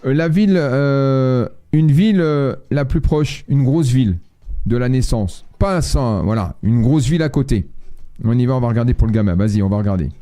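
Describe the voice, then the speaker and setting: A man's voice: medium pitch, expressive, normal speed, warm tone. A man hosting a live astrology stream, chatting casually with viewers and reading their messages in a blunt, slangy, joking way.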